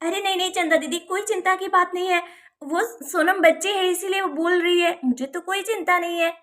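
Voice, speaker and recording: A woman voicing a caring village mother in a doll storybook, talking softly and reassuringly. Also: extremely high pitch, steady tone, brisk. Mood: weak. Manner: soft, reassuring, sighing.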